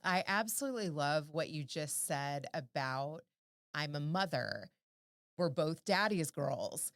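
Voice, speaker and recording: A woman's voice: deep voice, animated, a little slow, dry recording, clean studio sound. A woman guesting on a podcast, giving advice by firing off strings of rhetorical questions. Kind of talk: casual podcast chat.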